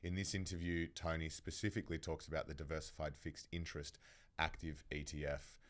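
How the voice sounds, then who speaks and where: An Australian man co-hosting a podcast, reading sponsor details and asking questions in a brisk way. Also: extremely low pitch, level tone. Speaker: podcast co-host.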